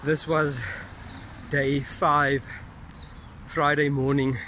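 A man in his thirties giving a motivational vlog talk to camera in measured short phrases with pauses. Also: a little high, level tone, sharp tone, slight background noise. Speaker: running vlogger. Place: outdoors on a roadside. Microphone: phone at arm's length.

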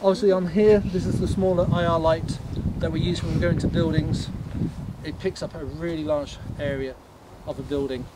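A man leading a ghost tour, explaining things informally to a group in a halting, matter-of-fact way. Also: a little high, fairly even intonation. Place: on a night walking tour, in the dark. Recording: noisy outdoor night recording.

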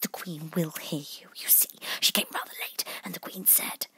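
A woman voicing an anxious, timid male rabbit in a storybook, speaking in a hushed, hesitant, hurried manner. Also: low-pitched, steady tone, creaky, husky, no echo, full character voice. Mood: frightened hush. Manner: whispering, hesitant, stammering.

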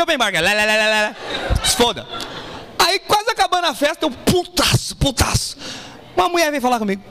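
A man's voice: extremely high pitch, background noise. A man doing stand-up, telling a story and acting out both sides of the dialogue. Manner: animated, profane, acts out both sides of dialogue. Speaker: stand-up comedian. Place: small café stage with live audience.

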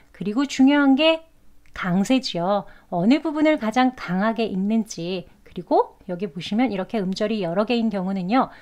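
Slow, patient woman teaching pronunciation. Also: on the high side. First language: Korean. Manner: drawn-out, syllable-by-syllable demonstrations. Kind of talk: slow, careful pronunciation lesson.

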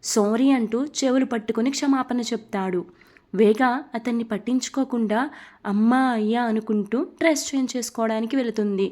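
Woman, storyteller, slightly high voice, steady storybook narration. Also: fairly quick.

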